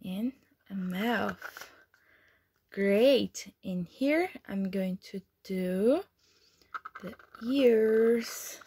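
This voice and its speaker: A woman teaching children online, reading a storybook aloud and then guiding a craft activity in a slow, clear, expressive way. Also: mid-range voice. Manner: slow, clear, expressive delivery for young learners.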